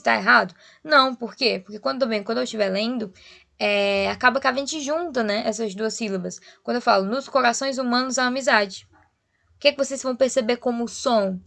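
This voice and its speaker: Woman teacher, young adult, a touch higher than usual with vocal fry, patient explanatory delivery. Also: pushed and bright. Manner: explanatory, checks in often with rhetorical questions. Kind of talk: online class lesson.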